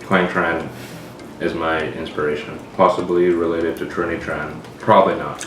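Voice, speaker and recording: A man casually chatting while he eats the fried chicken he cooked at home, relaxed and dry, talking between bites. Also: sits low, moderate pace, slight background noise. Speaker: home cook and vlogger. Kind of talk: casual eating vlog chat. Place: home kitchen. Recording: echoey kitchen, mic at a distance, clattering dishes.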